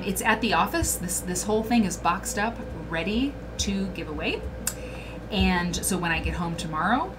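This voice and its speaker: Broadcasting from a small room, this chatty host keeps her livestream casual, addressing viewers directly and reading out their comments. Her voice sits at a medium pitch, and the webcam recording has audible noise beneath it.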